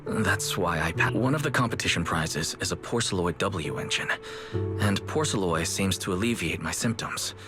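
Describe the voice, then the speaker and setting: Calm young male proxy, lowish voice, measured and gentle, game music under. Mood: explaining. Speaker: proxy protagonist. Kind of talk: video game dialogue. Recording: game audio with music behind.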